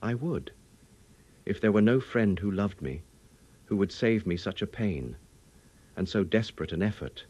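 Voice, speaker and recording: A man's voice: on the low side, animated, moderate pace, pauses often, darkish tone. Man voicing a sorrowful, resolute young woman, slightly muffled. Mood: resolute, earnest. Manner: solemn, plaintive Victorian formal speech. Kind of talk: dramatic audiobook character reading.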